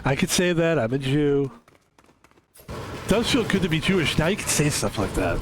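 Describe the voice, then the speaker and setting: Young male streamer from Philadelphia, slightly high voice, casual rambling chatter. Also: very animated, moderate pace, background noise. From Philadelphia, USA. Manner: rambling, self-interrupting storyteller. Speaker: game streamer.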